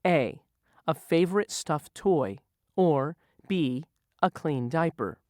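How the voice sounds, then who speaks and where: Reviewing vocabulary, a narrator slowly reads scripted questions asking learners what words mean, keeping a patient, teacher-like manner. The mid-range voice is animated and a little mellow, captured as clean studio sound without echo.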